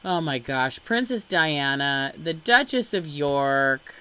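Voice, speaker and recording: A woman talking casually to her viewers as she reads out a long list of names and titles. She goes slowly and with a bright, forward tone. Between names she drops exasperated asides and sighs. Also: sits low, animated, clear, resonant tone. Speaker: vlogger reading a family-tree list. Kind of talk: casual commentary while reading aloud.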